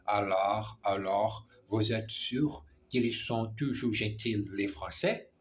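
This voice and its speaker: Practicing French for a casual vlog, a man with a fairly low voice reads dialogue lines into his phone camera, going back over them and fixing his mistakes. There's slight background noise.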